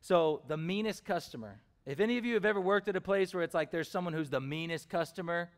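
A man's voice: high voice, quick pace. A man preaching a sermon, telling personal stories in a conversational way, with fillers and questions put to the congregation. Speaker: pastor.

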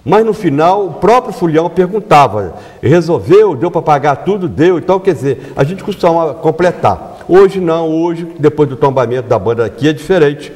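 Older man, animated TV guest. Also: a little high, normal speed, hardly any pauses, long reverb tail. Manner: animated, repeats himself, self-corrects. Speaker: carnival band organizer, guest. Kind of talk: studio interview. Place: TV studio. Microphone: lapel mic.

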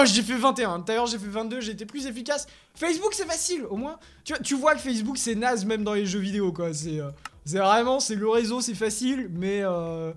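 A man giving chatty, excitable Let's Play commentary, talking to himself as he plays and using an odd put-on accent. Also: sits high. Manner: excitable, chatty, talks to himself while playing. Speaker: gaming YouTuber.

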